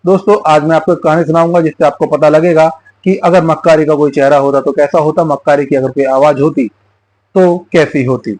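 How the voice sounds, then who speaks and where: A man's voice: fairly high pitch, fairly even intonation, fairly quick, darkish tone, no room sound, low-quality recording. A man hosting his own channel, giving political commentary through an emphatic, repetitive folk tale. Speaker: YouTube channel host.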